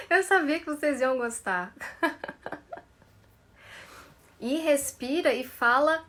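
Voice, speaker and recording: A woman's voice: sits high, slow, long pauses, fairly bright tone. A woman career mentor coaching viewers through tongue twisters on a live stream, playful and laughing often, stretching each syllable carefully.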